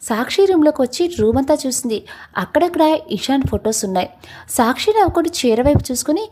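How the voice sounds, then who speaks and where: A woman narrating a family love story in a calm, scripted storytelling manner. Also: high-pitched, fast talker, slightly rough.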